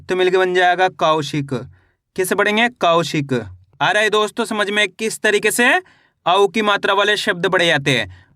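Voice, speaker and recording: A man teaching a Hindi reading lesson, his voice high-pitched and smooth. He sounds out every word slowly and deliberately, syllable by syllable, then says it again. The recording is dry and close, with no room echo. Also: sharp tone. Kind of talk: online lesson, spelling words out syllable by syllable.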